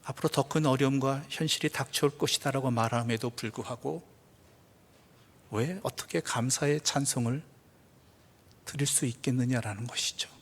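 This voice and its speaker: A man preaching a sermon as pastor. He swings between loud emphatic passages and hushed near-whispers, and he asks rhetorical questions. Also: mid-range voice, moderate pace, husky. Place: church sanctuary. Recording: church hall with long reverb.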